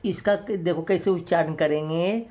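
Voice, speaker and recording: A man teaching a recorded primary school lesson, deliberately saying each letter twice so young pupils can copy it. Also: fairly high pitch, fairly even intonation, darkish tone. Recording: dull lo-fi recording.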